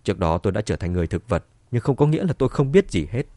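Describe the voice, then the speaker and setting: A man's voice: sing-song, very fast, warm tone, dry recording. A man doing a bitter furious old father. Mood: angry. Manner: sneering, low and angry.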